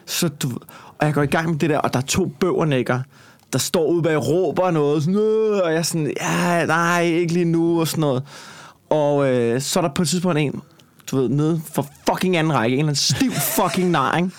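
Man, Copenhagen Danish accent, stand-up comedian, swearing, rambling storytelling, slightly high voice. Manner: profane, rambling, heated. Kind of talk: casual chat, storytelling.

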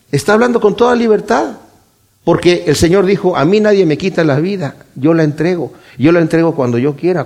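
Man, slightly high voice, earnest Bible preacher who explains verse by verse and lifts his voice for quotes. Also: darkish tone. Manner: earnest, explanatory, rises in pitch when quoting and stressing; addresses listeners directly. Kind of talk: expository Bible sermon.

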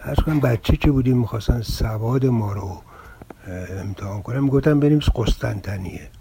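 A man's voice: medium pitch, vocal fry, breathy edge. An older man, a filmmaker, talking through his own essay in a wry, rambling, anecdotal way. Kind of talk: relaxed spoken essay. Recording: home recording with steady background noise.

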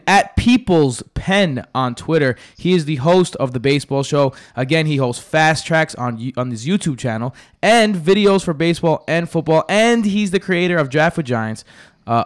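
Higher-pitched New York man hosting a podcast. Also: no room sound, studio quality. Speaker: podcast host. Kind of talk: energetic sports podcast hosting.

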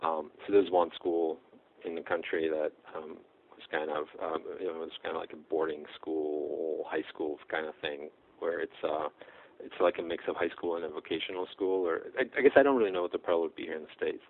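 This middle-aged Czech blacksmith has a very deep voice, talking fairly quickly in a steady tone. As a guest in a casual interview, he's hesitant, with lots of fillers and restarts, and the audio sounds tinny and phone-like.

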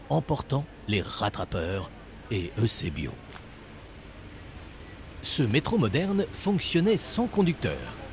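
A man's voice: fairly low pitch, noisy background. A man narrating a children's adventure story expressively. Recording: story narration over loud music.

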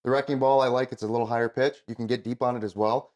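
A man's voice: medium pitch, fairly even intonation, very fast, darkish tone. A man giving casual hands-on instruction as an expert, in a plain-spoken, informal way. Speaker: goose calling expert, instructor.

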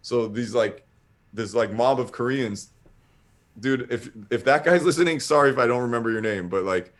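A man with a mid-range voice talks at a normal speed, casually rambling through a long story. He swears freely and acts out what people said in an animated retelling.

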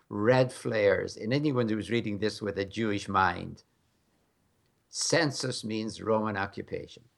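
A fairly low-pitched American man with vocal fry appears as a guest scholar in a conversational interview. He speaks frankly and emphatically, with a wry edge.

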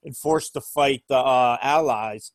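A man's voice: medium pitch, measured pace, no room sound. An American man co-hosting a casual podcast chat who rambles and says "you know" a lot. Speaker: podcast co-host.

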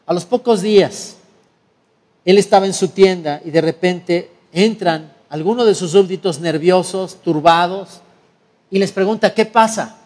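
Man, preacher, high voice, storytelling sermon, acts out scenes. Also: a little slow, a little mellow, big-room sound. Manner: vivid storyteller acting out scenes.

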